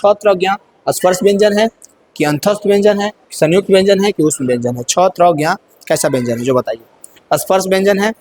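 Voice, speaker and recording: A man's voice: high voice, a little hiss or hum. A male teacher going through exam questions one by one, repeating each question and dropping his voice to give the answer. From India. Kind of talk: exam prep lesson, reading out multiple-choice questions.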